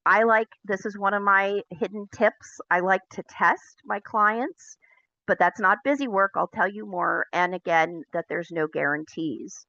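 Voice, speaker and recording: Bright-voiced woman teaching a business class. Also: medium pitch, dry recording, lo-fi sound. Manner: clear, measured, explanatory. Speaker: pet detective instructor. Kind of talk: recorded business class lecture.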